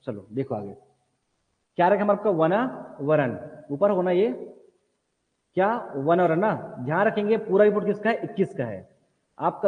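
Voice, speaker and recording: High-voiced man drilling a class. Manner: repetitive question-and-answer drilling; directs students to write notes. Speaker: teacher. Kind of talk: exam coaching lecture. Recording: tinny phone-like sound in a reverberant hall.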